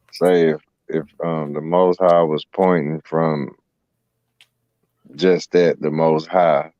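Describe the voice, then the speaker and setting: A man's voice: rumbling low, mellow, dry recording, lo-fi sound. A man, rambling and using lots of filler phrases in a casual spiritual talk. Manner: rambling, with many fillers and "you know what I'm saying". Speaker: co-host.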